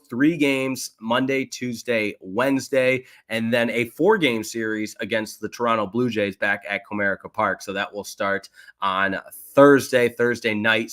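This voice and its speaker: A young man hosting a solo sports podcast, recapping the weekend's games in an animated, self-deprecating way with quick asides. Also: on the low side.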